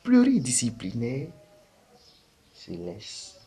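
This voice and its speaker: A man explaining things in an informal, animated chat, often checking in with short rhetorical questions. His voice sits in a middling range but moves up and down a lot as he drives his points home. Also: mid-range voice, takes it slowly, husky. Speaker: spiritual teacher.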